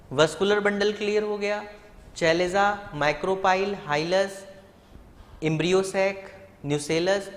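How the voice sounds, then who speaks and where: A man's voice: high voice, long reverb tail. A man teaching a live online biology class, explaining step by step and putting rhetorical questions to his students. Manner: addresses students directly and fondly.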